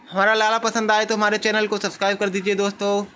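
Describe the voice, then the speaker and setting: A man's voice: high voice, monotone, fast, pushed and bright, slight background noise. A man filming a home vlog, playfully coaxing a small child in a sing-song voice and laughing as he talks to viewers. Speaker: home video vlogger, the baby's uncle.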